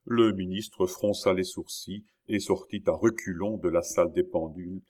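A man narrating an audiobook with a steady, formal reading. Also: low-pitched, normal speed. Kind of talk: audiobook narration of a historical novel.

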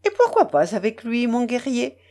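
A woman's voice: fairly high pitch, sing-song, normal speed, warm tone, voice pushed up. A woman voicing a haughty, teasing young princess in an audiobook, with a mocking, imperious manner. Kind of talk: audiobook character voice.

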